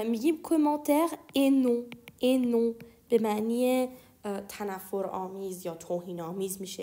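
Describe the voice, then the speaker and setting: A young woman teaching French grammar. She explains patiently and slows down to spell out example phrases. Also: a little high, dark tone. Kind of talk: explaining lesson.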